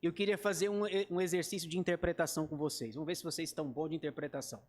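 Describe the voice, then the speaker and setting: A man's voice: on the high side, steady tone, very fast, darkish tone, long reverb tail. A male pastor with a Brazilian Portuguese accent teaching a Bible study in a conversational way, talking to the group and acting out quoted lines. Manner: talks to the group directly and acts out quoted speech.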